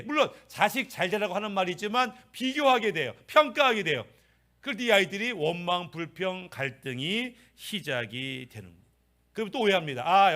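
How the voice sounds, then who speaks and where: Middle-aged male pastor, high lively voice, emphatic sermon full of rhetorical questions.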